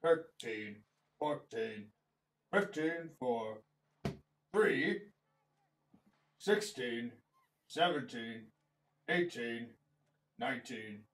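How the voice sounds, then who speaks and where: In a roomy, distant recording, a man plays a giant cyclops shopkeeper for a tabletop game. The voice is gruff and drops low. The creature speaks slowly and haltingly, slow-witted and easily flustered. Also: expressive, a bit bright, a little hiss or hum. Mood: laboriously counting. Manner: halting, laborious counting. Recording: roomy echo, off the mic.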